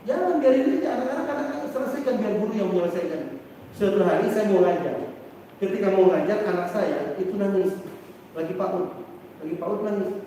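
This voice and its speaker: A man, an Islamic teacher, giving a lively parenting lecture and acting out parents and children as he talks. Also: sits high, a little fast. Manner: animated, acts out parents and children, asks the audience questions. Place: large seminar room. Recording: distant, very echoey hall with faint noise.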